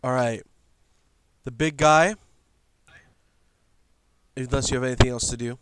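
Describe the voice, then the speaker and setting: A man running a tabletop game as game master, giving brisk, matter-of-fact rulings. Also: medium pitch, fairly even intonation, a bit bright, clear, resonant tone, dry recording.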